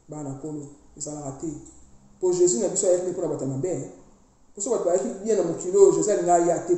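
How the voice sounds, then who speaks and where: With a warm voice on the low side, a priestess presses her spiritual message on her online followers in an insistent, preachy way. She blends languages freely, and the recording has a lot of room echo.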